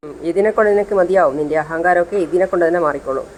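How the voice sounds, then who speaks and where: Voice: mid-range voice, very fast, lightly acted, rough recording. A storyteller voicing harsh policemen who mock and threaten a prisoner. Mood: scornful. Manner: scornful, threatening. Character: bullying harsh male police officers.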